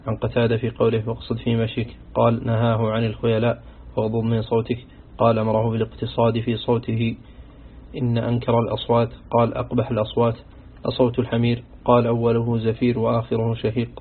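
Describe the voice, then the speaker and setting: Man reading in a flat monotone. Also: medium pitch, quick pace, husky. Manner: flat, even recitation of quoted sayings. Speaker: reader of a classical Quran commentary. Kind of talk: monotone scholarly reading aloud. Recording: tinny phone-like audio with faint hiss.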